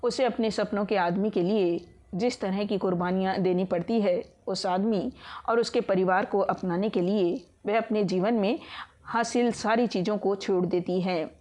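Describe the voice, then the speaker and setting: A woman narrating a romance novel as an audiobook. Her storytelling is steady and emotive. Her pitch sits in an ordinary middle range. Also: moderate pace.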